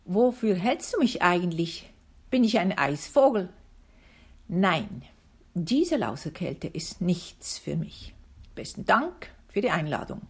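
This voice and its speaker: A woman voicing a male raven in a storybook, indignant and shy of the cold, with a husky voice. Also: lowish voice, very animated, takes it slowly, full character voice.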